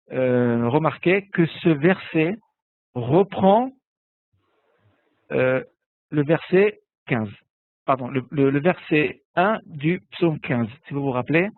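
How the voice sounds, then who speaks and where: A man's voice: a little high, dry recording. A man teaching a biblical Hebrew lesson online, patiently explaining and often checking with "d'accord?". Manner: patient, repeats words and asks "d'accord?" often. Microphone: online call. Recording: tinny webinar audio, phone-like.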